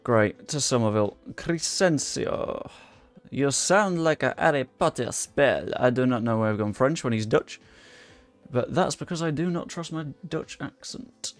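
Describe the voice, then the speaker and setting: Game music plays behind a dry, close-miked young man who is casually chatting with viewers while playing a football management game, muttering curses now and then. The gaming YouTuber has a medium-pitched, expressive voice and talks a little slowly.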